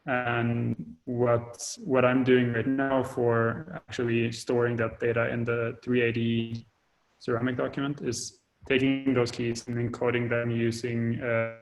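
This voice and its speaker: A man's voice: mid-range voice, flat delivery, unhurried, poor audio. A man giving a casual technical update on a video call, hesitant and full of fillers and restarts. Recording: call audio breaking up.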